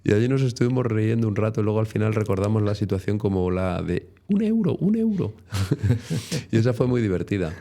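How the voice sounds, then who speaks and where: Spanish guy chatting about his trips, lowish mellow voice, rambles a lot. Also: vocal fry. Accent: Spain Spanish. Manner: chatty, rambling with many tag questions. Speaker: interview guest. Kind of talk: casual storytelling interview.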